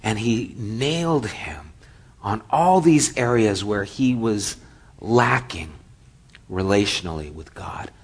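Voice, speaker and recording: A man preaching a sermon as a pastor, telling a story with lively acted-out quotes and drops to a hushed, near-whispered voice. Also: on the low side, slow, breathy edge.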